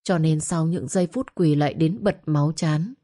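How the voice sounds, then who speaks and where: A woman's voice: deep voice, moderate pace, mellow. A woman narrating a dramatic first-person story of grief in an emotional storytelling voice.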